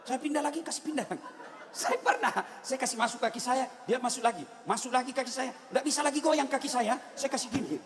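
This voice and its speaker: A man preaching a humorous sermon, telling lively stories and repeating rhetorical questions to the crowd. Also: very high-pitched, quick pace, a little hiss or hum. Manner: animated storytelling, repeats rhetorical questions, acts out characters. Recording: long hall reverb.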